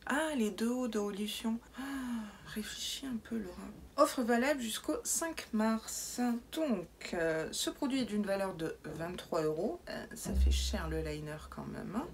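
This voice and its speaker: A woman's voice: mid-range voice, slight background noise. A young woman vlogger chatting wryly through a beauty box unboxing, now and then dropping into whispered asides. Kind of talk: casual unboxing commentary.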